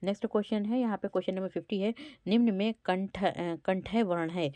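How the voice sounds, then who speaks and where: In an exam-prep lesson, a woman teacher works through quiz questions one at a time, saying each letter aloud to show where it is produced. Her mid-range voice is brisk, steady and warm, recorded without echo.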